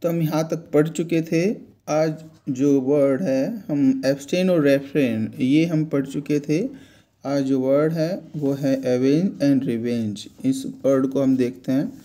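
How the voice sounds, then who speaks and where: Male teacher, slightly high, mellow voice, slow and repetitive vocabulary lesson. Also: fairly even intonation. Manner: explains word meanings slowly and repeats words. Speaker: English teacher.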